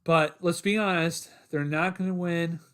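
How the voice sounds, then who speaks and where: A young man hosting a casual solo sports podcast, rambling with lots of fillers, his voice getting hoarse after talking a long time. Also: fairly high pitch, fairly even intonation, a little slow, fairly bright tone. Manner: rambling, filler-heavy, restarts often.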